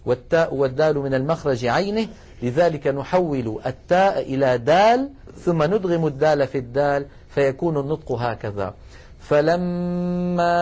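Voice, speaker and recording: A man teaching the rules of Quran recitation in a recorded lesson. He explains patiently, speaks to his listeners as brothers and slows right down to recite each example. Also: fairly high pitch, a little mellow, slightly rough.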